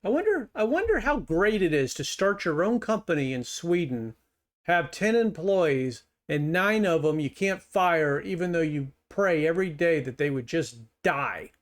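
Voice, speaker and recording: A middle-aged man hosts a reaction video with a notably high voice. He fires back at clips in a sarcastic, heated tone, mocking as he argues. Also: very animated, normal speed. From United States. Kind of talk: reaction commentary.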